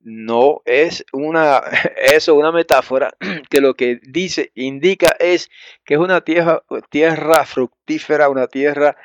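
A man's voice: fairly high pitch, no room sound, muffled recording. A man preaching a Bible lesson in a conversational way, calling his listeners brothers, often adding tag questions and going back over words to explain them. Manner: explains and repeats words, with pauses and restarts. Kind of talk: Bible teaching sermon.

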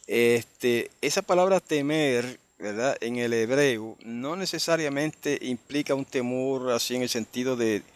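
Man, Bible teacher, mid pitch; unhurried verse-by-verse teaching, checks in with listeners often. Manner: unhurried, explanatory, with frequent tag questions.

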